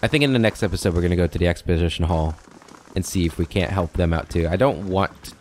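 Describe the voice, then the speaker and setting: A man hosting a let's play, giving relaxed gameplay commentary while musing to himself. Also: sits low, fast, slight background noise.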